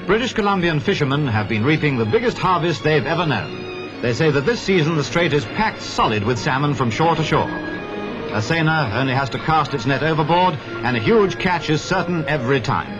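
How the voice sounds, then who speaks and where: A man giving brisk, upbeat old 1950s newsreel narration as the announcer. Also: on the high side, expressive. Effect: 1950s newsreel sound. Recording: dull lo-fi 1950s newsreel audio with loud music.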